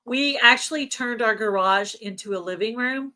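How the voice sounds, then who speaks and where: Allergies are taking this woman's voice as she talks in a chatty, explanatory way, clearing her throat along the way. Her pitch is on the high side, her pace moderate, and her tone sharp.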